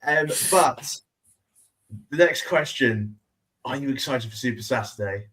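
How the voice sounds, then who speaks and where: A man in his twenties co-hosting a casual sports podcast, chatty with quick asides. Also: medium pitch, fairly bright tone. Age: 20s. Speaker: podcast co-host.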